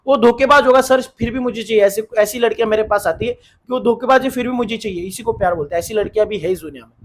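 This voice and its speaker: Fast-talking high-voiced man giving advice. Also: slightly rough. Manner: earnest, repetitive, insistent. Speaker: relationship advice YouTuber. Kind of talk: casual advice monologue.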